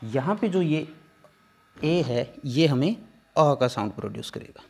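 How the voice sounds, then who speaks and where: A man's voice: a little high, lively intonation, measured pace, vocal fry, slightly rough. A man teaching a phonetics lesson, explaining patiently step by step.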